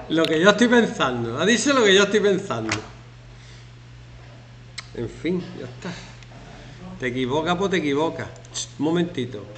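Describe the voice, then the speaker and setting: With a slightly high voice, a measured pace, and long pauses, a man in his fifties talks casually with his students during a class activity. He jokes, stays lively, and acts out shouting examples in an echoey classroom with faint noise behind him.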